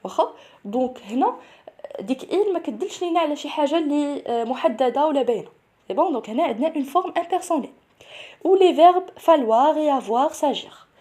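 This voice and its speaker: A young woman with a Moroccan accent teaching a grammar lesson for an exam. She mixes French with Moroccan Arabic, explains each point step by step and keeps asking if it is clear. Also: high-pitched, warm tone. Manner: switches between French and Moroccan Arabic, checks in with "c'est bon?". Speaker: teacher preparing students for nursing school entrance exams.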